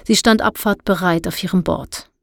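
A woman narrating a youth novel audiobook in an even, clear storytelling manner. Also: on the low side, normal speed, no room sound, clean studio sound.

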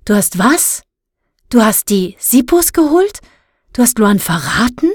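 A woman reading an eager, warm-hearted teen girl. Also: on the low side, no echo, clean studio sound. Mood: shocked. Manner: eager, quick to defend. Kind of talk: audiobook character voice.

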